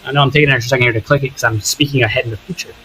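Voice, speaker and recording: A young man with a somewhat husky voice talks through his moves, casual and unfiltered, with an occasional swear. Faint background music plays under the commentary. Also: mid-range voice, fairly even intonation, rapid-fire, sharp tone, rough recording. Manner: casual, thinking aloud, swears. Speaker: gaming commentator. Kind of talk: casual commentary over gameplay footage.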